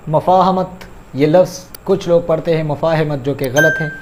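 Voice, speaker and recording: A man's voice: a little high, fairly even intonation, noisy background. Male Urdu teacher explaining word meanings. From Pakistan. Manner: explanatory, repeats words to correct pronunciation; addresses listeners as "janab". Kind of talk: lecture on vocabulary and grammar.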